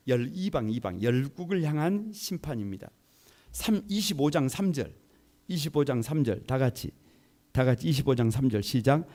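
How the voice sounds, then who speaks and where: A man's voice: medium pitch, dark tone. A middle-aged male pastor preaching at a Bible study, with emphatic repetition and questions he puts to the congregation and answers himself. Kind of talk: sermon, Bible study lecture. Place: church.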